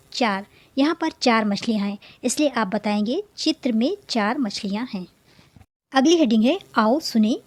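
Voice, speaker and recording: Woman teacher going over a kids' textbook lesson, slow and patient, kinda high voice, dry close mic. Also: darkish tone, no room sound. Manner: patient, clear step-by-step explanation. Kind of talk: textbook lesson explaining answers.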